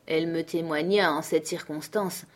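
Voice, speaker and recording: A woman reads a classic novel aloud in a measured, clear audiobook narration. Her voice sits a little lower than most. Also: fairly even intonation.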